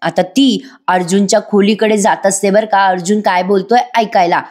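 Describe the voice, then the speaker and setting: A woman's voice: mid-range voice, steady tone, normal speed, a little mellow. A woman giving a casual voice-over review of a TV serial, chatting directly to her viewers.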